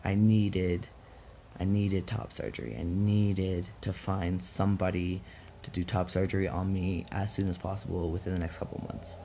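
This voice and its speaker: A young man with a low, gravelly voice speaks candidly to his vlog audience. He is reflective and halting, choosing words as he goes. Faint outdoor ambience sits behind his mellow tone. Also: flat delivery, a little hiss or hum. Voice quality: gravelly, throat-clearing. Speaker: vlog host. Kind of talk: casual personal vlog. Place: outdoors in chilly morning air.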